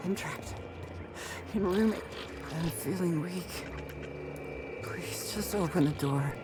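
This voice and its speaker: An actress voicing a weakening trapped woman in a video game, pleading faintly and haltingly in a ghostly, unearthly voice. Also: on the low side, heavy background noise. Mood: weak, pleading. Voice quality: ghostly, unearthly, breathy weak voice.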